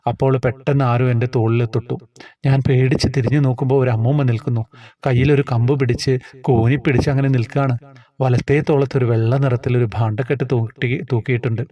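A man calmly and earnestly reading out a devotional personal story. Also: mid-range voice, dull audio. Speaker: narrator reading a submitted story.

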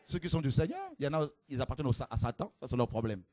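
A man preaching a fiery sermon to a congregation, with shouted exclamations and rhetorical questions. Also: mid-range voice, very animated, rapid-fire, no echo.

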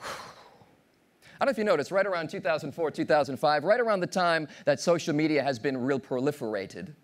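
Male keynote speaker, 30s, playful showman, talks on the high side with big swings in pitch, body mic on a big stage. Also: a little fast. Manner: animated, playful, audience-engaging, acts out voices. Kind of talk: motivational keynote speech. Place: large conference stage with audience.

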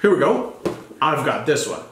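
Patient bilingual male teacher, lively voice. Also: mid-range voice, measured pace. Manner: patient, spells words letter by letter; switches between English and Spanish. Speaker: English teacher. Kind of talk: bilingual one-on-one lesson. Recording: echoey room with background noise.

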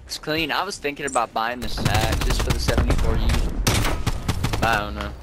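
A man's voice: mid-range voice, moderate pace, heavy background noise. A man in casual game chat with teammates, swearing freely. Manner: profane. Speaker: gamer, teammate.

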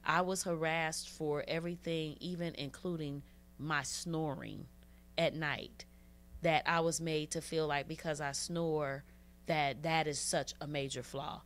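A woman's voice: low-pitched, fairly even intonation, unhurried. A woman guest in an interview, telling her own story in an earnest, heartfelt way and repeating phrases for emphasis. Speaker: interview guest, abuse survivor. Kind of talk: personal testimony in an interview.

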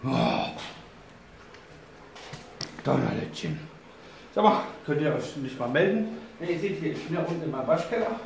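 Filming in an indoor concrete laundry room in the basement, this German vlogger in middle age chats loosely about outdoor gear, cracking jokes and swearing a little. His voice runs a bit high and expressive at a normal pace, with vocal fry and frequent pauses. The distant camera mic captures plenty of echo and background noise.

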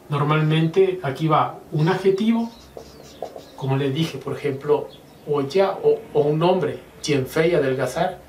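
A man explains Chinese grammar in a patient teaching manner, pausing to repeat example phrases slowly. His voice sits a little high. The sound is roomy and echoey, with the mic some distance away and a faint hiss behind. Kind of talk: whiteboard lesson explaining grammar.

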